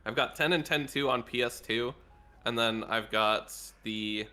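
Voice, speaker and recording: A man's voice: mid-range voice, a little slow, sharp tone. A man in a casual podcast chat, giggling often and rambling with many restarts.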